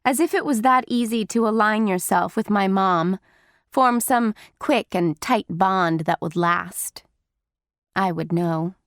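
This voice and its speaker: A woman narrating a teen novel in the first person, with steady, wry storytelling. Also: mid-range voice, slow pace, no echo, studio quality. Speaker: audiobook narrator.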